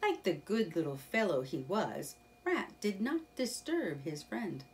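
Slow expressive woman reading a children's story. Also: mid-range voice, far from the mic, a little hiss or hum. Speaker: children's book reader. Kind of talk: storybook read-aloud narration.

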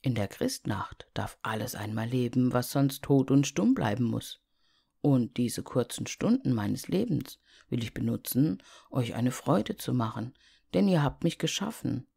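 A woman voicing a jolly, kindly snowman come to life in a fairy tale, speaking low and friendly. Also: animated, measured pace, vocal fry, warm tone, slightly rough, full character voice.

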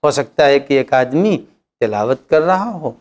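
A man's voice: mid-range voice, animated, unhurried, a little mellow. A man, an Islamic cleric, answering religious questions with emphatic rhetorical questions.

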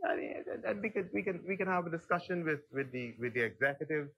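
A man's voice: a little high, lively intonation, quick pace, slightly rough, highs cut off. A middle-aged man with a Bahamian accent giving a heated, rambling, folksy speech as a member of parliament in a legislative chamber.

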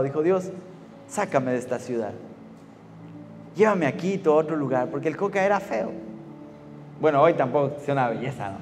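A man's voice: high-pitched, a little mellow, slight background noise. A man preaching a youth sermon, emphatic and full of rhetorical questions to the audience. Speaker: youth pastor. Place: church hall. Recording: hall reverb with faint music.

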